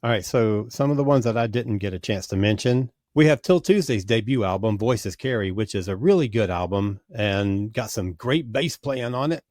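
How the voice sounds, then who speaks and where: A man's voice: on the low side, expressive, normal speed, few pauses, a little mellow, dry recording, studio quality. A man hosting a music podcast, walking through albums in an organized, informative way. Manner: organized, informative, steers the show. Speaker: podcast host. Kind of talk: casual chat.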